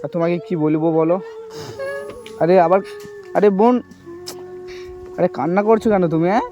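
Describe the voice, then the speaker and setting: A man who talks to a young woman in a gentle, reassuring way and keeps asking "okay?". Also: high voice, normal speed. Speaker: charity video host. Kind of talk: staged outdoor conversation. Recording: dull lo-fi sound with music behind. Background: background music.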